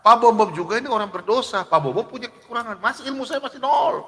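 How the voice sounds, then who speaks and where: Emphatic high-voiced man preaching live. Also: fast, sharp tone, long reverb tail, a little hiss or hum. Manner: refers to himself in the third person; emphatic, rhetorical questions, recites verses. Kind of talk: unscripted live preaching, reading scripture.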